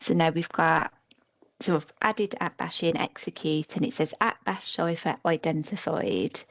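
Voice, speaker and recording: A woman's voice: low-pitched, steady tone, a little slow, lo-fi sound. A woman taking part in an online session, carefully reading puzzle text aloud and thinking aloud over a video call. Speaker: session participant.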